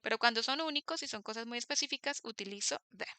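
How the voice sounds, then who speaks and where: Very bright-voiced patient woman teacher. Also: a little high, smooth, dry recording. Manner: patient, keeps checking understanding with tag questions; slows down to model English words. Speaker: English teacher. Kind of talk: classroom grammar explanation.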